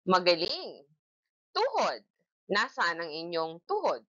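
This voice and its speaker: A woman leads a reading lesson for young children in a bright, lively voice that swings up and down as she goes. She speaks slowly and spells out each word in clear, separate syllables, then asks the class how many there are. The sound is a little dull and lo-fi, like an educational TV broadcast. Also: lowish voice. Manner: slow, clear syllable-by-syllable drilling, asks questions. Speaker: grade one teacher.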